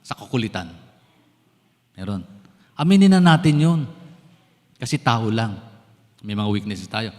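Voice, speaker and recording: A man's voice: lowish voice, big pitch swings, a little slow, long pauses. A man with a Filipino accent, a pastor preaching a sermon in Tagalog mixed with English, who keeps asking his congregation questions. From Philippines. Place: church sanctuary. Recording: long church-hall reverb.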